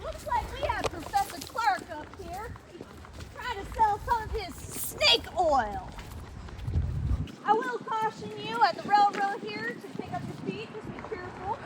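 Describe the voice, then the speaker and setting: Very high-pitched woman guiding a tour. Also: animated, a little slow. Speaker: ghost tour guide. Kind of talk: guided tour narration. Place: outdoors walking through town. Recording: very noisy outdoor street recording.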